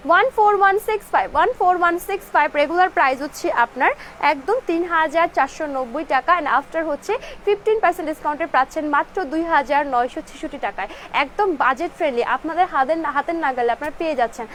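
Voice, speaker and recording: A woman from Bangladesh hosting a live clothing sales stream, mixing in English words and repeating product codes and prices. She is fasting, and her throat is a little dry. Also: high-pitched, a bit bright, slight background noise.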